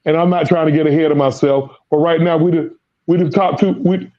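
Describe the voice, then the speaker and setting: On dull audio, a warm, fairly high male voice keeps a steady tone at a slightly fast clip. He hosts a sports podcast while losing his voice, rambling casually, repeating himself, and leaning on Southern American slang.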